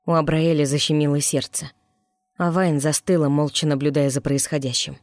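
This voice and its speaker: An audiobook narrator reading fantasy prose in a measured, descriptive way at a middle pitch. The voice sits close to the microphone in a completely dry space. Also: flat delivery, dry recording.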